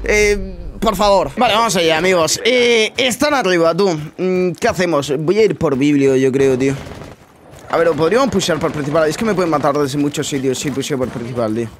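Gaming streamer, male, fairly high voice, muttering and incredulous. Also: fairly quick, slight background noise. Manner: incredulous, muttering asides to himself. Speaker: gaming YouTuber. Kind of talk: casual gameplay commentary.

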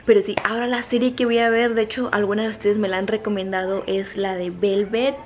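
A young woman, rambling to camera in a casual vlog at home at night, keeping her voice low while others sleep. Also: level tone, a little fast, background noise. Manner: chatty and rambling, with many fillers. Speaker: vlogger.

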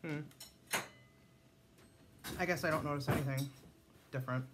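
With a deep, steady voice at normal speed, a middle-aged home cooking vlogger from Wisconsin chats along as she cooks, her accent clear and her talk full of fillers. She's in her home kitchen and at the dining table, with background noise behind her.

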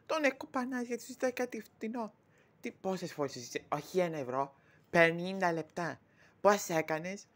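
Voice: mid-range voice, lightly acted. A performer voicing an indignant young woman who scolds her stingy father in a Greek shadow-puppet play.

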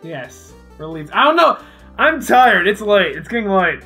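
A woman's voice: medium pitch, sing-song, unhurried, sharp tone, soft background music. A woman co-hosting a game play-through in casual chat, easygoing, often answering in short agreeing words. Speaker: let's play co-host.

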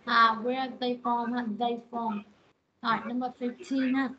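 A woman leads an online English pronunciation lesson. She repeats each phrase several times and calls students up by name. Her voice sits a little high, and the call audio sounds slightly muffled. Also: flat delivery, measured pace, slight background noise. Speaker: English teacher.

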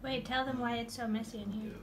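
A young woman joking with a friend during a house tour, teasing and prodding him with quick questions. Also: fairly high pitch, fairly even intonation, reverberant, crowd noise. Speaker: friend filming along. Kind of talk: casual banter.

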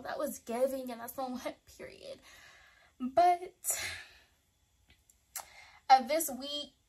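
Young woman, high voice, chatty beauty vlogger, slangy, laughs a lot. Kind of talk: casual chat to camera.

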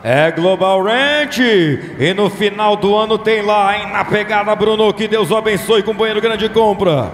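A man's voice: high voice, a little slow, a little hiss or hum. A Brazilian man working as an auctioneer, calling bids in repetitive, insistent chants. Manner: repetitive, insistent selling patter. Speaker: livestock auctioneer. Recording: long hall reverb, music behind.

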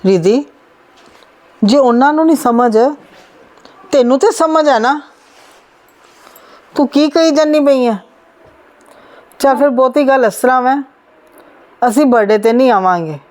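A woman's voice: high-pitched, a little slow, pauses often, darkish tone. A woman playing a poor mother who coaxes and instructs her married daughter, in a family drama. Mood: instructive. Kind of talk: amateur family drama acting.

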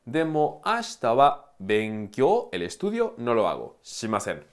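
Animated man teaching Japanese. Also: medium pitch, unhurried. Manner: chatty, asks the listener "¿no?" often, chuckles. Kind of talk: lively classroom explanation.

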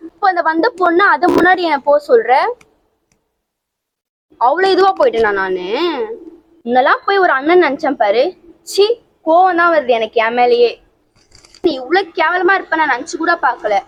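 A woman's voice: sits high, lively intonation, normal speed, long pauses, low-quality recording. A young woman playing a hurt young sister who reproaches the people who pushed her away. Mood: reproachful. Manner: pleading, reproachful. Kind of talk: amateur skit acting.

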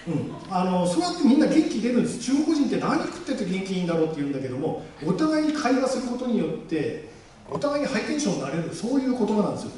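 A man giving a lively public speech to a live audience in a large hall, joking and acting out the voices he quotes. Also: high voice, very fast, slight background noise. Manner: animated, jokey, acts out quoted voices. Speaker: guest speaker at a campaign rally. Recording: echoey hall, mic far off.

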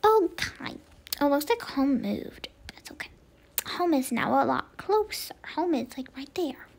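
A woman's voice: high voice, very animated, measured pace, gravelly. A woman hosting a role-play gaming video, playful and chatty, with whispered asides as she narrates. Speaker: gaming channel host. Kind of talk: Roblox role-play commentary.

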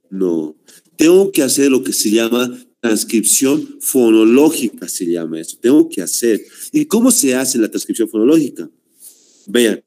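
A man with a mellow, medium-pitched voice teaches an online language lecture. He emphasizes and repeats key points, addressing the class as "señores."

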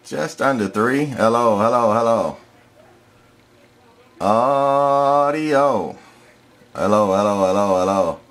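Slow and lowish, with long pauses, a man narrates a casual hands-on demo of a vintage radio in his workshop. He's a radio collector showing off equipment, matter-of-fact as he repeats test words into the microphone.

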